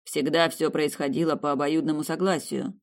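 A reader voicing a self-assured young prince who speaks calmly and teases with slow, mocking lines in an audiobook. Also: medium pitch, close to an everyday voice. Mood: earnest. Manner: calm, unhurried, mocking. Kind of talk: audiobook character reading.

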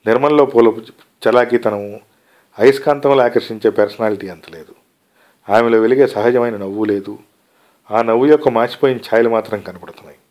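Calm man reading a story aloud. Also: mid-range voice, fairly quick, long pauses. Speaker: story reader. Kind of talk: read-aloud short story narration.

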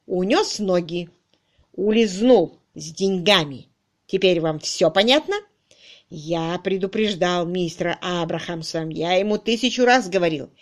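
A woman voicing a brash, blustering male debt collector who speaks loudly and stretches his words. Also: fairly low pitch, lightly acted. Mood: indignant. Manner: loud, emphatic, drawn-out words.

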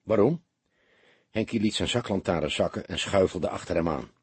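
A man narrating a detective audiobook in an expressive storytelling manner. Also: sits low, brisk, breathy edge, dry recording.

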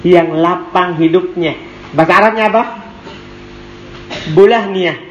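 Guy teaching a class, high voice, slow, keeps quizzing students, echoey room. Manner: drills students with questions, reads and translates a text. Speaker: teacher of Arabic morphology. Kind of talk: classroom lesson with call-and-response. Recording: echoey room, faint background noise.

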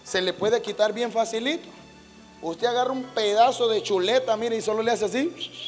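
A man's voice: high voice, moderate pace. A man preaching a folksy, storytelling sermon, acting out playful voices from home life. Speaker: pastor. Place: church hall. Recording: reverberant church hall with faint music.

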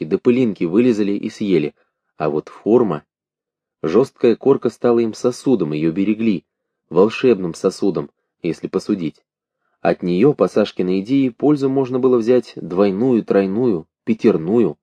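Dark-voiced man reading a story. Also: on the low side, no room sound. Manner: measured, expressive storytelling in short phrases. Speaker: audiobook narrator. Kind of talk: literary audiobook reading. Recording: dull lo-fi dry recording.

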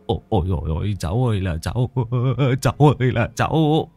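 A man's voice: a little high, very animated, a little slow, a bit bright, voice pushed up. A man voicing a frantic, grief-stricken old grandfather who cries and pleads in a spoken horror tale. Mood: weeping. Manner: crying, pleading, muttering.

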